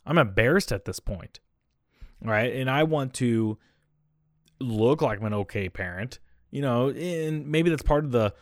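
A man's voice: medium pitch, dry recording. A young adult man hosting a casual solo podcast, rambling conversationally with frequent asides and a dry, slightly coughy throat. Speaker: podcast host.

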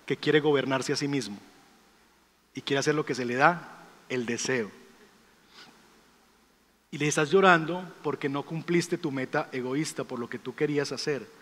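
A man preaching a sermon as pastor, emphatic, asking rhetorical questions and dropping to a softer storytelling voice. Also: on the high side, moderate pace, long pauses. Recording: long hall reverb.

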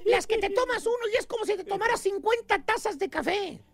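Gravelly man teasing on radio. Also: very high voice, expressive, a little fast. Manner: teasing, mocking storyteller with slang. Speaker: radio show host. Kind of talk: comic radio banter.

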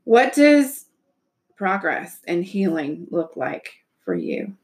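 A woman's voice: lowish voice, wildly swooping pitch, slow, a little mellow. A woman co-hosting a casual chat in a playful, teasing way.

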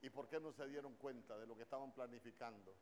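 A man's voice: mid-range voice, fast talker, darkish tone, a little hiss or hum. A man preaching a sermon in a church, with a Honduran Spanish accent, throwing questions at the congregation.

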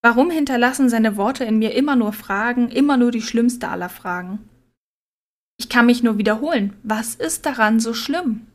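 Quiet woman reading a story aloud. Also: on the high side, normal speed. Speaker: narrator. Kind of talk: scripted audiobook narration.

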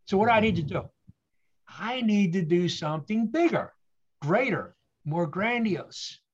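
A man's voice: high-pitched, expressive, measured pace, husky, muffled recording. A man telling his story with earnest motivational emphasis. He asks rhetorical questions and repeats key phrases. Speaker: guest speaker.

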